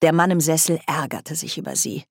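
A woman with a low voice reads a fantasy novel in measured, clear audiobook narration. The recording is dry and close, from a studio booth. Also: steady tone, no room sound. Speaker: audiobook reader. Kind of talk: scripted narration.

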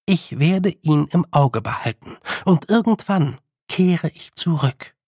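A man voicing a young girl witch in an audiobook, raising his voice a little and speaking in a measured, stern way. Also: fairly high pitch, expressive, warm tone, no echo, studio quality, voice pushed up. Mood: firm, stern. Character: young girl witch, calm, firm and commanding. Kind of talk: audiobook character voice.

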